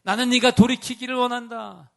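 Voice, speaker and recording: A male pastor voicing a compassionate Jesus gently reassuring a disciple during a sermon. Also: extremely high pitch, little pitch movement, brisk, creaky, pitched above the performer's own voice. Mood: tender. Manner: tender, soothing reassurance.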